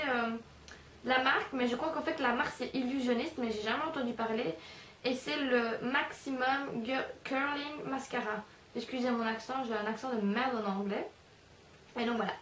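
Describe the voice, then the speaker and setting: A young woman talks through her favourite products in a loose, rambling way, full of fillers and jokes at her own expense. Her voice sits a bit high and rings around a bare, echoey room, picked up from a little way off by the camera's own mic, with faint room hiss. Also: fairly bright tone, recorded from a distance. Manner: chatty, rambling, self-mocking, many fillers. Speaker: beauty vlogger. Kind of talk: casual product review vlog. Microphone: camera's built-in mic.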